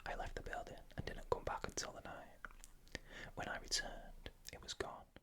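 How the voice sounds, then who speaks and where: A narrator telling scary first-person stories in an unvoiced, breathy ASMR whisper, with slow, deliberate phrasing. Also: a bit bright.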